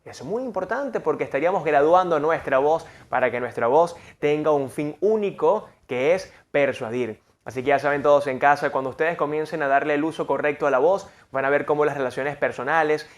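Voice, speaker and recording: Expressive man teaching voice technique. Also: a little high. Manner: expressive, demonstrates voices with big shifts in tone. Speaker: voice and speaking coach. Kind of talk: lesson on vocal technique.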